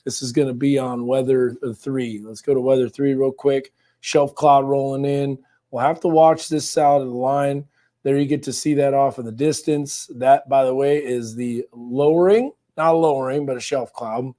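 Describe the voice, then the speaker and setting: A man hosting a live weather stream, hoarse and raspy with his voice going out, talking through radar and storm cameras in a loose conversational way. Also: mid-range voice, steady tone, normal speed, warm tone. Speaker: meteorologist host.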